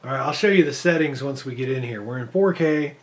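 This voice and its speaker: A man with a voice worn from losing it talks over his gameplay in a loose, rambling way. His pitch sits in the middle, and he thinks out loud as he checks frame rates. It is casual commentary, full of fillers and restarts. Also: a little fast. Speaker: PC gaming benchmark creator.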